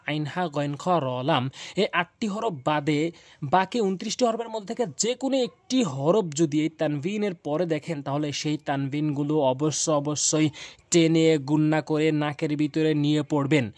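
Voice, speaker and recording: A man teaching Quran pronunciation in a spoken video lesson, drilling syllables slowly and repeatedly with hesitant pauses. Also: a little high, a little mellow, dry recording. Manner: slow, repetitive drilling of syllables with frequent "ah" pauses.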